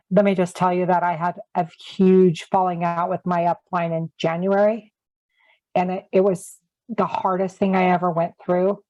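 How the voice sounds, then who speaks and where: A woman leading a group coaching call and encouraging the others in an earnest way. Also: on the low side. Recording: dry, dull lo-fi audio.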